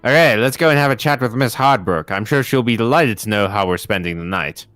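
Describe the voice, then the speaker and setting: A man voicing a goofy, joking male city cop in a video game, lively and sarcastic. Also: medium pitch, fairly quick, faint music behind, lightly acted.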